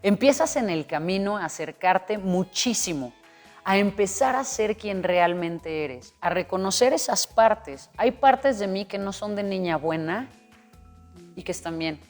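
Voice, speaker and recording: A woman's voice: fairly low pitch, animated, unhurried, a little mellow. A woman speaks as an interview guest, earnest and explanatory, now and then voicing an imagined inner dialogue. Her voice carries a long reverb tail, and faint music plays underneath. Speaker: guest coach. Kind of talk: interview conversation.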